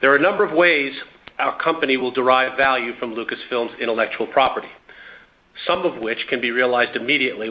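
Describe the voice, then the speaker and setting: Man on a speakerphone conference call. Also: mid-range voice. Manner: formal and measured, with occasional restarts. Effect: heard over a conference call speakerphone line. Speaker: company executive. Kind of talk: reading prepared remarks on an investor call. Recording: dull lo-fi conference call audio.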